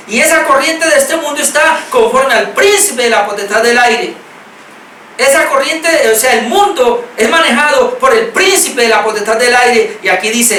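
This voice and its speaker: A man's voice: extremely high pitch, pushed and bright, slight background noise. A Colombian man preaching a sermon as pastor, earnest and repetitive, reading scripture aloud and stressing key words. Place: church hall. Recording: echoey hall, mic at a distance.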